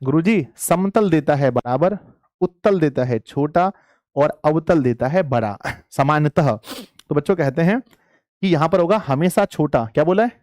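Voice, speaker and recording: Man, slightly high voice, dry close sound, coaxing teacher, repetitive emphasis, live lesson delivery. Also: expressive, unhurried, darkish tone, no room sound. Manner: coaxing, addresses pupils as dear children; repeats phrases for emphasis. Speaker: online physics teacher.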